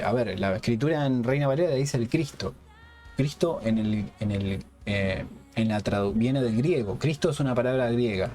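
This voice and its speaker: A man with a mid-range, slightly mellow voice gives an unscripted Bible teaching for a Hebrew-roots ministry. He checks in with a questioning "yes?" after nearly every phrase and often restarts words.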